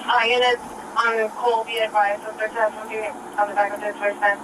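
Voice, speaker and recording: A man's voice: high voice, monotone, normal speed. A man working as a police dispatcher, heard over a police radio and calling out units in clipped, coded phrases. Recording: distant radio voice with sirens and traffic behind. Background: sirens and street traffic.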